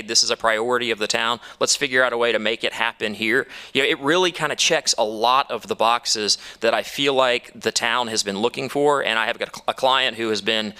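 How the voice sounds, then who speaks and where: At a town council hearing, a man acting as a developer's attorney gives a formal presentation, upbeat and persuasive. His mid-range voice sounds pushed and bright with a clean tone, and he uses some fillers and restarts.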